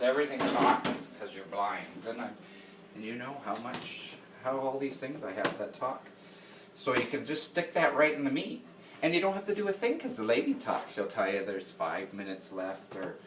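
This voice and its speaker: A home cooking vlogger with a mid-range voice rambles casually while he cooks, joking at his own expense and laughing often. He's far from the camera mic across his home kitchen, so the sound echoes with steady noise running behind him.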